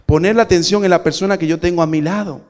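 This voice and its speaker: A man from Spain preaches a sermon in a slightly high voice. He keeps asking the congregation rhetorical questions. He climbs to loud, emphatic peaks and then drops to quiet asides. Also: steady tone, quick pace. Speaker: pastor.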